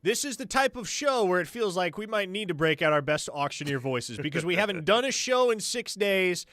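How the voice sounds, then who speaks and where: A man co-hosting a sports radio show, talking in an animated, emphatic way with a lively, swooping pitch. His delivery is wordy and energetic. The studio sound is dry and close. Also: fairly quick, no echo.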